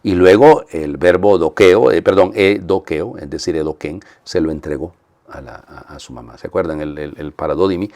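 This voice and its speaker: Deep-voiced priest giving a chatty homily. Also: male voice, normal speed, darkish tone. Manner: conversational and explanatory, with frequent fillers and rhetorical "¿no?". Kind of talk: weekday homily.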